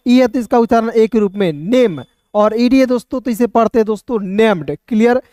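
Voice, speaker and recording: Male tutor, patient and repetitive, spells words out letter by letter; smooth resonant voice, dry recording. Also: very high-pitched, a little mellow, no echo. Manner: patient, repetitive, constantly addresses viewers as friends. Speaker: English teacher. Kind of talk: online phonics lesson.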